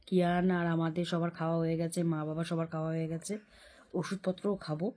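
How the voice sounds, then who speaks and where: A woman's voice: fairly low pitch, flat delivery, brisk, mellow, a little hiss or hum. A young woman vlogging casually from her bedroom at night, rambling and explaining at length. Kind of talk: casual chat to camera. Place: home bedroom, lying under a blanket.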